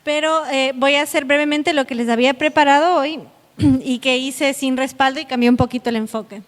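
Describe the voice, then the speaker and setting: Her voice sits high with a steady tone and a fairly quick pace as this South American woman lectures publicly in a conference hall. She speaks to her audience with earnest directness, and the hall's long reverb makes the recording echoey.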